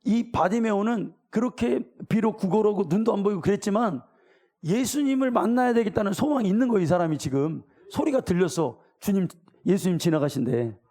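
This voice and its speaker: Gravelly, dark-voiced pastor preaching. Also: male voice, sits high, fairly quick. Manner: colloquial, animated preaching with direct questions to the congregation; acts out voices of the people in the story. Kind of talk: sermon.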